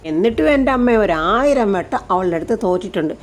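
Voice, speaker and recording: A woman's voice: medium pitch, animated, fast, close to an everyday voice. A woman voicing a spoiled young man in a retold serial who mocks others. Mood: mocking. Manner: mocking. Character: young man, spoiled son, sneering at his rival.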